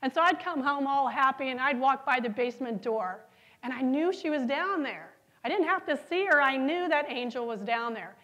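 The audio is poor, but it carries a middle-aged woman's high voice at normal speed as she presents a keynote in a large conference hall. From the stage, she shares lively stories and asks her listeners questions.

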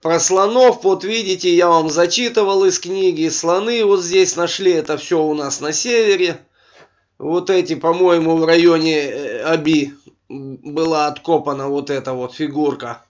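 A man with a speech impediment on his R sounds, reading texts aloud informally as a video blogger, with halting commentary. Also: fairly high pitch. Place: voice-over recorded over a screen capture. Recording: dull, lo-fi microphone sound.

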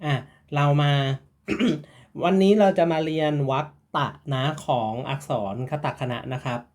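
A man teaching a casual online Japanese lesson, slowly repeating syllables and explaining each sound in a friendly, informal way. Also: fairly high pitch, lively intonation, darkish tone, slight background noise.

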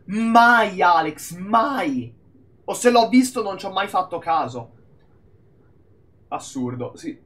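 Italian streamer, very animated pitch, rambling banter, frequent swearing. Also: male voice, unhurried, pauses often. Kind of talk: casual gameplay commentary.

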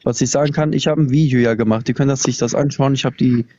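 A man's voice: medium pitch, fairly even intonation, quick pace, mellow, highs cut off. A man in a heated live-stream debate, combative, citing scripture verses.

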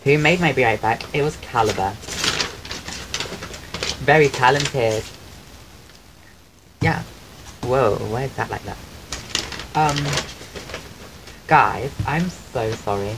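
A man with a soft voice that people often take for a woman's, chatting casually on a live stream at home and thanking his viewers. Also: medium pitch, slow pace, long pauses. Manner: chatty and rambling, thanks viewers while eating. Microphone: desk microphone. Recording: clear background noise on the stream mic.

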